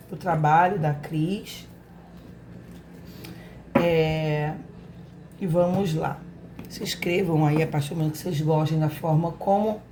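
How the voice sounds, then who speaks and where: A hoarse woman with a Brazilian Portuguese accent talks slowly and without hurry, her warm voice pitched a little low. Hosting her channel, she gives a casual spiritual tarot reading to camera, chatting affectionately and directly with her viewers. A slight hiss or hum sits under the audio.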